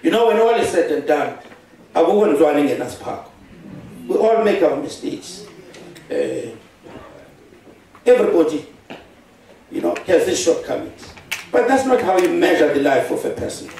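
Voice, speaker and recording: A South African man in middle age, a Xhosa speaker, delivers a funeral eulogy in a relaxed storytelling way, chuckling as he goes. His voice sits fairly high for a man. The live stream is heavily echoey and picks him up from a distance, with a faint hiss behind. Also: normal speed, pauses often. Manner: conversational storytelling, chuckles often, mixes Xhosa phrases into English. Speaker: eulogist, former business partner. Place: large hall at a funeral service.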